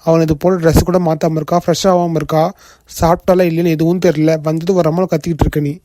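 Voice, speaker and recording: A man voicing a calm, protective young husband in a cartoon, firm and reassuring. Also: a little high, quick pace, dry recording, natural voice. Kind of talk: cartoon voice acting.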